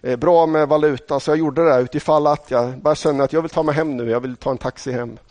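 A man's voice: a little high, fairly even intonation, a little mellow, no room sound. A middle-aged man from Sweden preaching a sermon, telling stories from his own life in a conversational way and speaking straight to the congregation. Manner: storytelling, conversational, addresses the congregation directly.

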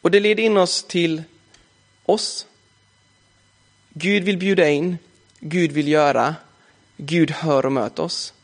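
Young male preacher with a slightly high voice, easygoing and chatty from the pulpit. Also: long pauses. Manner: casual conversational preaching, frequent filler "liksom". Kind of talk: sermon.

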